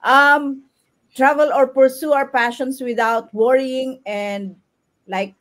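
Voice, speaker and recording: A woman hosting a casual live stream from her home, chatting warmly with Filipino fillers. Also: high voice, steady tone, slow. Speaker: host. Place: home in New Zealand.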